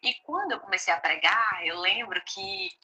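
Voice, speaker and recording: Bright, lively Brazilian woman telling her story. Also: medium pitch, moderate pace, rough recording. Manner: lively storytelling, quotes others, laughs easily. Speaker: gospel singer and preacher. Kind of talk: interview testimony.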